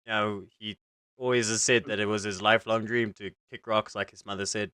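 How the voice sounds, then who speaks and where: A man's voice: lowish voice, level tone, fairly quick, sharp tone, clean tone, dry recording, studio quality. A man casually narrating a tabletop game as game master, improvising informally.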